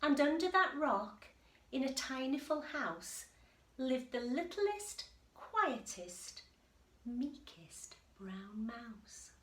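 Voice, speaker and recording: A woman reading a children's picture book aloud like an infant school teacher, animated and emphatic, with chatty asides. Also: sits high. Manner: animated, deliberate storyteller with emphatic delivery. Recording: roomy, echoey indoor sound.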